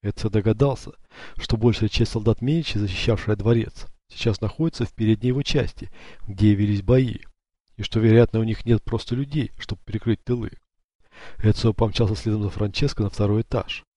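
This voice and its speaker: A man narrating an audiobook in a steady, measured way. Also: fairly low pitch, no echo. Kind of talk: scripted narration.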